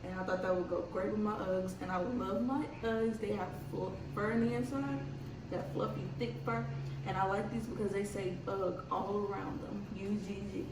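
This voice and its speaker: A woman's voice: medium pitch, fairly even intonation, normal speed. A young woman chatting casually to viewers in sassy, playful slang, speaking with retainers in her mouth. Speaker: vlogger. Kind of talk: casual get-ready-with-me chat to viewers. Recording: echoey room, distant mic, background noise.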